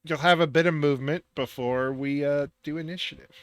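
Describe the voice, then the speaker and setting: A man running an online tabletop role-playing game as game master, halting and distracted as he manages things. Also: fairly high pitch, steady tone, clear, resonant tone, no room sound.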